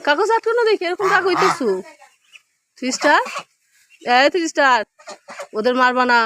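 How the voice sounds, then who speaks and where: A woman gently and repeatedly asking her hen what is wrong, outdoors in a farmyard. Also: high voice, lively intonation, normal speed, noisy background. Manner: gentle, repetitive questioning. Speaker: poultry keeper. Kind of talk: coaxing talk to a hen. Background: clucking chickens.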